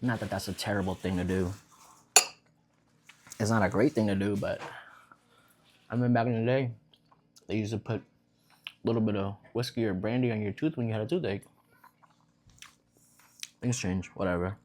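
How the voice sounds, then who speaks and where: A man's voice: fairly low pitch, normal speed, long pauses, noisy background. A young man who grew up in Vietnam, chatting casually in a laid-back, rambling way while eating at home. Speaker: vlogger. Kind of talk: casual eating vlog chat.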